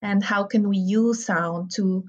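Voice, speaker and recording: Young woman from ecuador, talks slow and hesitant, kinda dull lo-fi sound. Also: mid-range voice, fairly even intonation, a little mellow. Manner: hesitant, with fillers and restarts. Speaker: podcast guest, architecture graduate student. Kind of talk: casual interview answers.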